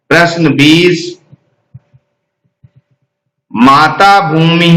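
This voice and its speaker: A man reading exam quiz questions and their answer options in a slow, deliberate recitation. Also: fairly high pitch, pushed and bright, echoey room, low-quality recording. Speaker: exam prep teacher.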